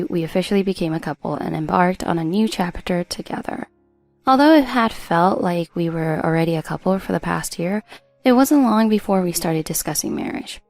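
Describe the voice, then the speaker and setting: A woman reading a first-person drama story as a narrator in a steady storytelling delivery. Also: lowish voice, no echo.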